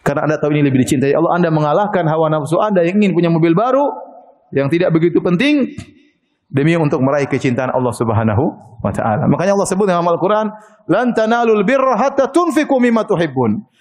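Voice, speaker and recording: Higher-voiced Indonesian man preaching. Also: lively intonation, fast, darkish tone. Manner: storytelling with frequent "ya" asides and light laughter. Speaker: Islamic preacher. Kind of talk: sermon.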